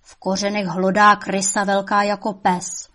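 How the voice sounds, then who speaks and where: A woman doing a shrill scolding old devil's mother. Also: little pitch movement, a bit bright, close to an everyday voice. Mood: coaxing.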